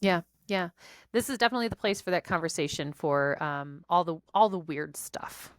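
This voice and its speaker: A woman's voice: lowish voice, moderate pace, no echo. Bubbly, rambling woman co-host. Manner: bubbly, giggly, rambling with many restarts. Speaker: spiritual practitioner and co-host. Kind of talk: casual chat.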